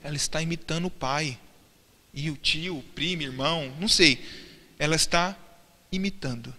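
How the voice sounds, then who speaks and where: A man's voice: on the high side, moderate pace, bright, forceful tone. A man preaching a sermon in church, asking the congregation questions and answering them himself. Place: church hall. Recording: church sermon with long reverb and faint music.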